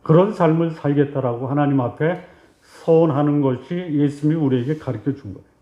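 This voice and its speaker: Korean pastor preaching in a roomy church. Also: male voice, on the high side, fairly quick. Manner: asks the congregation questions and answers them himself; acts out God and the believer in short dialogues. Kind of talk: sermon. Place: church sanctuary. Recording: roomy, slightly dull church recording.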